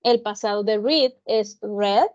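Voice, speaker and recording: Patient woman teacher, native Spanish speaker, online grammar class; slow and clear, dry dull computer-mic sound. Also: medium pitch, a little mellow, dry recording. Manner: patient, explains slowly, addresses students directly. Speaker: English teacher.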